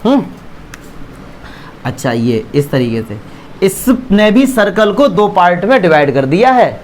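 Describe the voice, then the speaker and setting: A man's voice: sits high, very animated, unhurried, slight background noise. A man teaching a maths class, asking questions and answering them himself, joking with his students in the classroom. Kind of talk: classroom lecture.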